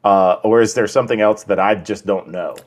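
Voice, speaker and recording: A man co-hosting a casual podcast chat, talking in halting bursts with many restarts and ready laughter. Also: fairly low pitch, steady tone. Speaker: podcast co-host.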